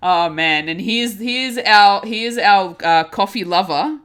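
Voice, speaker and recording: A young woman talks to her chat as she crafts on stream, casual and giggly, frequently starting her words over. She speaks slowly in a smooth, medium-pitched voice with a fairly bright tone, and faint lo-fi music plays behind her.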